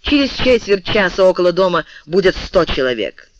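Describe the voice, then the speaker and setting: Threatening officer, voiced by a man, loud and slow, high-pitched, dull dry audio. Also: very animated, a little hiss or hum. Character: shouting male soldier officer, threatening.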